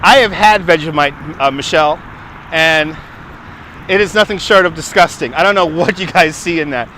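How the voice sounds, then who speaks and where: On the high side, pushed and bright, his voice carries over slight background noise as he walks an outdoor waterfront during a livestream. The host, a New Yorker, chats casually and answers viewers with quick laughs. He's recorded on a phone on a handheld gimbal.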